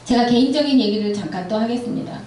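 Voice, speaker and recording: A woman's voice: fairly high pitch, fast, slight background noise. A middle-aged woman giving a church seminar for parents, telling stories and acting out quoted dialogue. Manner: warm storytelling, acts out quoted dialogue. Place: church hall. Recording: echoey hall from far off.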